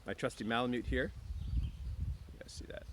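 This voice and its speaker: Outdoors near the woods, a man with an easygoing teacher's delivery chats casually with students and reads a book aloud to them, frequently clearing his throat. His voice is medium-pitched and steady at a normal speed, with clear outdoor background noise in the recording.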